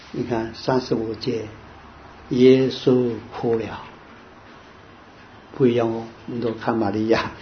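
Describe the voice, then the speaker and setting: A man leading an informal Bible study, quizzing his listeners and quoting verses in a slow, drawn-out way. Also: medium pitch. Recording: dull lo-fi with faint hiss.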